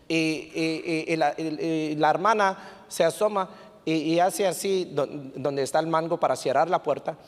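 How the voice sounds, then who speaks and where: A man preaching a sermon as pastor, telling stories in an animated way and sprinkling English fillers into his talk. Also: a little high, unhurried. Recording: long reverb of a church hall.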